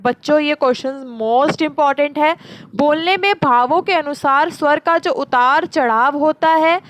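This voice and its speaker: A woman teacher explains exam questions, repeating and asking and answering her own questions, and slows down sharply to give each answer. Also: high-pitched, fairly bright tone, no room sound. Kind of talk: exam-prep lecture.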